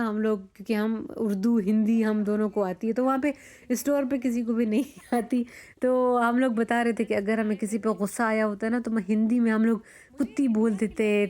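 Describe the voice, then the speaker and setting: A young woman from Pakistan narrating a casual vlog, chatty and animated, with many fillers as she tells the story. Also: fairly high pitch. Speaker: vlogger.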